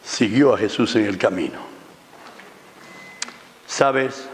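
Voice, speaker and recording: A man's voice: lowish voice, lively intonation, slow pace, a little hiss or hum. A man preaching a sermon, telling the story and asking the congregation questions. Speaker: pastor. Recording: reverberant church hall.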